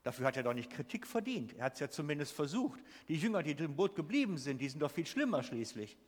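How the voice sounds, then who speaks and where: A man's voice: fairly high pitch, sing-song, fast talker, breathy edge. A man preaching a sermon, emphatic and putting questions to the congregation. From Switzerland. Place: church hall. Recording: long reverb of a church hall.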